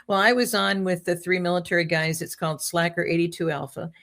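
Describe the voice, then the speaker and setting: A woman's voice: lowish voice, fairly even intonation, brisk, fairly bright tone. A woman guest in casual talk-show conversation, telling rambling stories with jokes and asides.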